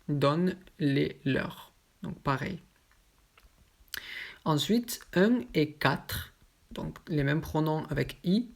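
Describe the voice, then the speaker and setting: A teacher giving a grammar lesson, stating each example form slowly and clearly before explaining it. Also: medium pitch. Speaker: French teacher.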